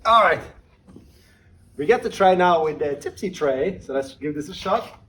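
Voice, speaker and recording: A man's voice: fairly high pitch, lively intonation, moderate pace. A man doing a casual, hands-on product review in an easygoing, joking way. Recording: roomy echo, background noise, clicks.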